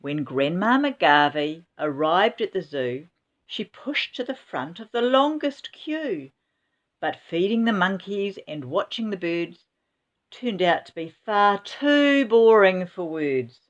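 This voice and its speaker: Female children's story reader: unhurried, expressive, dramatic rhyming narration, mid-range pitch. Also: dull audio. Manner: dramatic, with exclamations.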